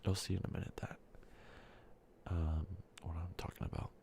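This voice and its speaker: A congested ASMR creator, sounding sick and short of breath, rambles through a candy-making video in a very low, gravelly voice with a dark, mellow tone. He speaks softly, drifts into whispers, and fills the gaps with ums and uhs. His pitch barely moves, and his pace is moderate.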